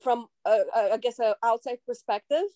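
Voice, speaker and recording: A woman's voice: a little high, normal speed, mellow, no echo. A woman from Russia, a native Russian speaker, talking reflectively as a podcast guest and searching for her words. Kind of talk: casual podcast chat.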